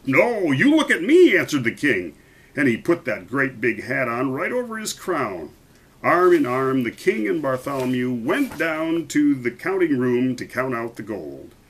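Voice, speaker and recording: A man reading a picture book aloud to children, animated and stopping to point out the pictures. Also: mid-range voice, unhurried, breathy edge, rough recording.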